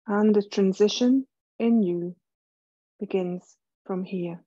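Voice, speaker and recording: In a lo-fi recording with no room sound, a woman leads a guided relaxation as a yoga teacher. Her medium-pitched voice is soft and calming, delivered in measured phrases with pauses.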